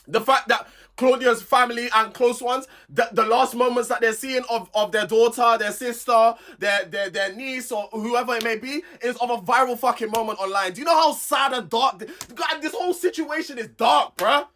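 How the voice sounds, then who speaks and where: A woman's voice: on the high side, normal speed, hardly any pauses, fairly bright tone, slight background noise. A woman delivering an angry, heated commentary, swearing and repeating herself as she rants.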